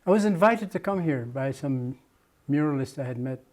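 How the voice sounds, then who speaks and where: A man's voice: medium pitch, lively intonation, normal speed, noisy background. An older man from Jamaica, a muralist, recalling his past at length in an oral history interview, with many restarts and fillers.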